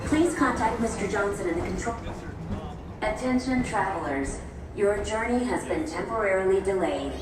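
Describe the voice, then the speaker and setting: Lady doing a soft pa announcement, calm paging voice, echoey and far off from the mic. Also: mid-range voice, normal speed, background noise. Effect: soft announcement over a loudspeaker. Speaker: recorded public-address announcer. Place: theme park attraction, indoors. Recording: echoey loudspeaker heard from far off.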